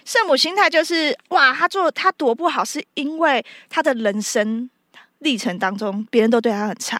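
A woman with a Taiwanese accent hosting a casual chat, animated as she explains things with little acted examples. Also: high voice, moderate pace, dry recording, studio quality. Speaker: podcast host.

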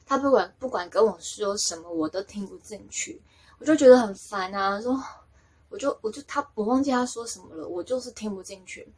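A woman's voice: mid-range voice, a little fast, a little mellow, slightly rough. A woman telling a personal story in a chatty, rambling way, often laughing at herself. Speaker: podcaster sharing a personal story. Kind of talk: casual storytelling.

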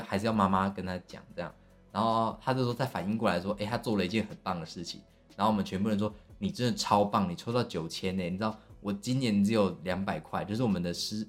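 A young man with a Taiwanese Mandarin accent, casually telling a long family story on his podcast, rambling with many fillers and restarts. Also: fairly low pitch. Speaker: podcast host.

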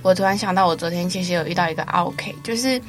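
Young Taiwanese woman, slightly low voice. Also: racing, soft background music. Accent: Taiwanese Mandarin. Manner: chatty, laughs at her own stories. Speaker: radio show co-host. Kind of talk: casual chat. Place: campus radio studio.

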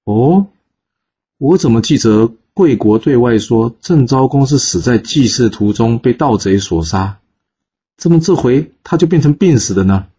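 A man's voice: mid-range voice, expressive, unhurried, mellow, breathy edge, muffled recording. A man voicing a wrathful ancient duke. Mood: mocking. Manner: mocking, accusing. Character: domineering ancient male duke, sly and wrathful.

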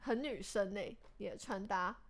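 A young woman with a Taiwanese Mandarin accent, co-hosting a casual podcast chat, reacting to her friend's story with teasing questions and quick laughs. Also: medium pitch. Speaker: podcast co-host.

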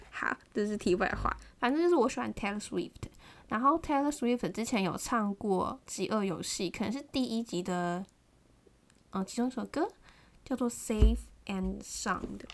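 Animated high-voiced young woman storyteller. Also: creaky. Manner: animated, mimics a shouting partner, many fillers. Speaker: podcast host. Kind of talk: casual storytelling.

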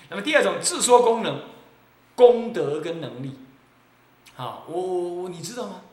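A male abbot with a Taiwanese accent delivers a Buddhist sermon, teasing and laughing as he goes. His voice sits a little high. The recording is roomy and echoey. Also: normal speed. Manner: lively, mocking, laughs often.

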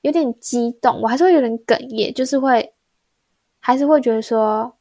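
Young female co-host, soft-spoken and reflective, a touch high-pitched, casual chat. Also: moderate pace. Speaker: podcast co-host. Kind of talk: casual chat, personal story.

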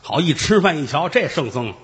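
A man telling a traditional comic story in storyteller style, animated and switching voices for the characters. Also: a little high, normal speed, a little hiss or hum.

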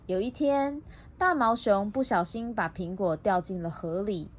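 A woman's voice: mid-range voice, a little slow. A woman reading a picture book aloud to her child, playful and laughing, stopping often to quiz the child.

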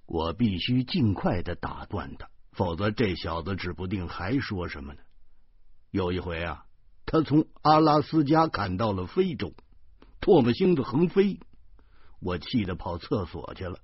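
Slow, husky man with a Beijing accent. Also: deep voice, very animated, no echo. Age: 30s. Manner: wry storytelling. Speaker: narrator. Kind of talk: audiobook narration. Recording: dull lo-fi recording.

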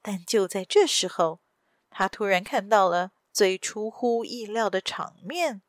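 A woman reading a story aloud as a podcast storyteller, steady and measured, close to the mic. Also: medium pitch, no echo. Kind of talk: scripted story narration.

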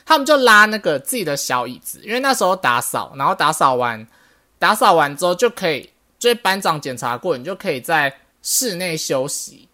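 A man's voice: on the high side, a little fast. A man co-hosting a podcast, telling a story in casual chat and acting out other people's lines as he goes. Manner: animated, acts out others' lines while telling. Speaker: podcast co-host.

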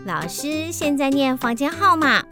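A woman's voice: high-pitched, very animated, unhurried, pitched above the performer's own voice, heavily acted. A woman voicing a cheerful school teacher in a children's radio drama, coaxing and sing-song. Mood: upbeat. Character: cheerful female school teacher on a field trip. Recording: children's music underneath.

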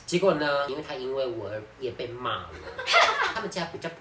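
A woman's voice: very deep voice, brisk. A young woman, telling a story in casual podcast chat with lots of laughter. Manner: animated storytelling, laughs often. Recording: echoey room, distant mic, background noise.

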